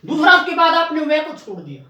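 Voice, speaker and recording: A man's voice: very high-pitched, big pitch swings, a little fast, pushed and bright, roomy sound, far from the mic. A male coaching teacher giving a classroom lesson, patiently explaining step by step and sounding out items one by one.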